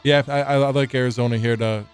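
A man's voice: medium pitch, steady tone, fast, clear, resonant tone, faint music behind. A man co-hosting a casual sports podcast, talking through picks with lots of "you know" and restarts. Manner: hesitant, lots of fillers and restarts. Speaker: podcast co-host.

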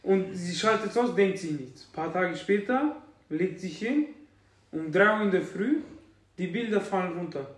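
A young man talks with his friends, slangy and insistent, stopping often on fillers. His voice sits high. He is off-mic in an echoey room. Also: lively intonation, normal speed, far from the mic. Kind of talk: casual chat among friends.

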